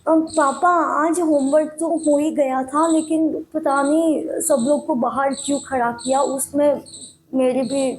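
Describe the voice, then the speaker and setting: A woman's voice: sits high, fairly even intonation, measured pace, darkish tone, a little hiss or hum. A woman acting as a young girl who misses her mother and pleads with her father in a dramatic audition monologue. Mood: pleading. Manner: pleading, childlike, with a lot of repeating. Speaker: actress auditioning.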